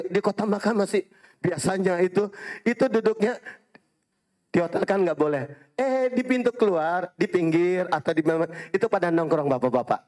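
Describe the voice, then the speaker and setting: Animated high-voiced preacher. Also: male voice. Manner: animated storytelling, quoting Arabic phrases, addressing audience as Pak, Bu. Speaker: Islamic preacher and hajj guide. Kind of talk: sermon with anecdotes.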